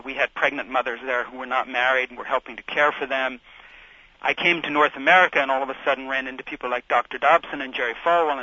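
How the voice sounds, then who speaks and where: A middle-aged man from Switzerland talks as a guest author on a radio interview. His voice is bright and forceful, and he talks in a thoughtful, rambling way with many restarts. The sound is dull and lo-fi, like old radio. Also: mid-range voice, dry recording.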